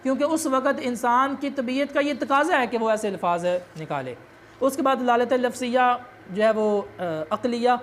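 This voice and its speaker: A woman's voice: a little high, moderate pace, a little hiss or hum. A woman teacher giving a lecture on a text, explaining step by step, asking herself questions and repeating key terms.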